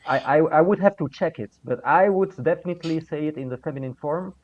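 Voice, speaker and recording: A Belgian man whose first language is French chats casually as a guest on a video call, hesitating and searching for English words. His voice is on the high side, fast and a little mellow, and the call audio is muffled.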